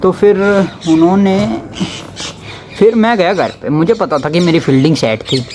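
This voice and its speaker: Speaking at a moderate pace, this young Haryanvi man tells a relaxed, chatty story in a high, slightly mellow voice. When he quotes his relatives and teachers, his voice thickens and he slips into dialect. A faint background hum runs beneath the recording.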